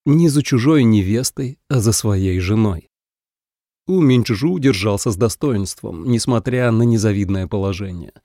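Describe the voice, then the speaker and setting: A man reading an audiobook in measured, even scripted narration. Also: lowish voice, no echo, clean studio sound.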